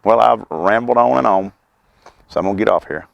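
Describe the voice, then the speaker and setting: Puffing on a pipe, this mid-fifties host of a homestead and birdwatching channel drawls in a Southern US accent, chatting in an unhurried, folksy, dryly humorous ramble for his outdoor vlog. His lowish voice carries vocal fry, and the lo-fi recording has no echo.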